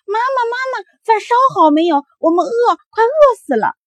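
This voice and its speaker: A woman voicing a group of young children in a storybook, calling out loudly in high voices. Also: sing-song, moderate pace, no echo. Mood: demanding. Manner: loud, high, urgent shouting.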